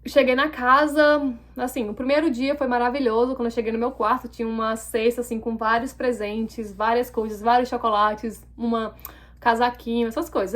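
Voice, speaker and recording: High-voiced woman telling a lively story. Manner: animated, acts out quoted dialogue. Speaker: vlogger. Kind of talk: casual storytelling.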